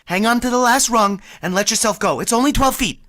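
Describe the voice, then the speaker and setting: Taking the role of an anxious teen boy in an amateur vintage radio play, a woman presses her date to hurry in a flustered, urgent, pushy and jittery way. Her voice is fairly high, bright and natural.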